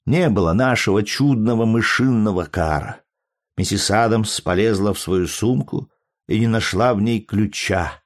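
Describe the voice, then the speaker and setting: A man reading a travel story aloud as narrator, in a measured, lightly dramatic way. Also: fairly low pitch. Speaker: audiobook reader. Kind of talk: scripted narration.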